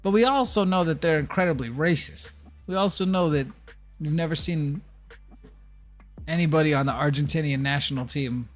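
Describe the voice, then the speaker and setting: Man, gaming streamer, casual blunt profane rant, fairly high voice, faint music behind. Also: moderate pace. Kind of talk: casual livestream chat while gaming.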